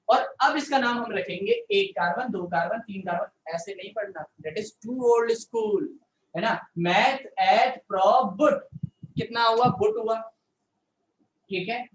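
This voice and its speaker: A man teaching a live online science class, scolding and joking with his students in rapid banter and repeating a filler word. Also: high-pitched, a bit bright, reverberant, rough recording. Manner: repeats filler "yaar" often.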